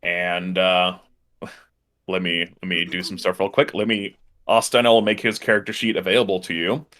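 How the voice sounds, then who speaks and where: A man's voice: low-pitched, flat delivery, moderate pace, fairly bright tone. A man narrating and running a tabletop game as the game master.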